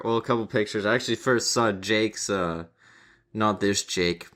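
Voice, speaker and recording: A man's voice: fairly low pitch, bright, forceful tone. A young man co-hosting a podcast, laid-back and swearing casually as he tells a story over a voice call. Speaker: podcast co-host. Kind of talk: casual chat. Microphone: computer mic over a voice call.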